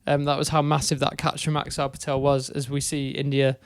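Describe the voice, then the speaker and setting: A man's voice: mid-range voice, completely flat delivery, brisk, a crowd in the background. A young man co-hosting a podcast, chatting casually about cricket with a thoughtful, hesitant delivery. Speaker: podcast co-host.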